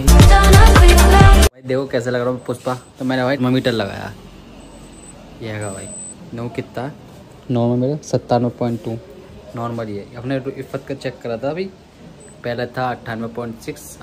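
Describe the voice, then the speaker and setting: Here a young adult man with a mid-range voice records a casual daily vlog, talkative and constantly calling viewers "brother." He films with a handheld phone at arm's length, moving between an outdoor rooftop and a small room in his home.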